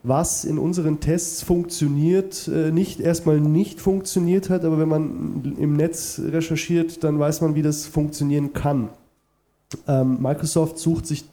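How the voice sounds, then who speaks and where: A man with a mellow, slightly high voice and a cold presents at a conference and takes audience questions, his speech full of fillers and restarts.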